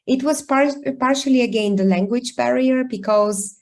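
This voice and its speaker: A Bulgarian founder, whose first language is Bulgarian, tells candid personal stories as a guest speaker in an online talk, heard with video call sound. Her voice is a bit higher pitched, and she is reflective and thoughtful, pausing often and hesitating with frequent ums.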